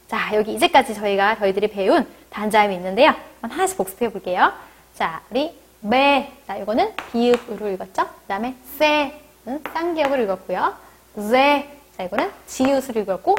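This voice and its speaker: Woman, high voice, language teacher, video lesson, models sounds for repetition. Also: slightly rough. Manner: explains step by step, then models sounds slowly for repetition.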